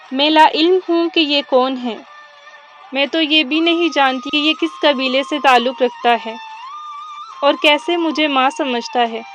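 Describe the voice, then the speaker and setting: A woman with a high voice reads a religious tale as scripted narration. Her delivery is formal and reverent, and soft music plays faintly behind her.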